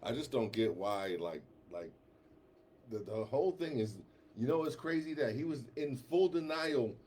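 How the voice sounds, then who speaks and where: A man co-hosting a casual radio talk show, animated and slangy, laughing often and repeating himself. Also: mid-range voice, normal speed, a little hiss or hum.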